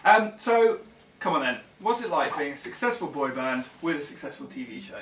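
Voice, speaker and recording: High-voiced British man interviewing. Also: animated, a little fast, fairly bright tone, slight background noise. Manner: chatty, laughs often. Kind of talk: casual interview. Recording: roomy, mic at a distance.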